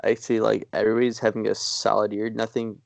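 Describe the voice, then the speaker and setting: A man with a lowish, gravelly voice rambles through casual sports podcast talk. He is self-deprecating and often restarts his sentences. The sound is dry and close. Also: flat delivery, quick pace, dry recording. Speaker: podcast co-host.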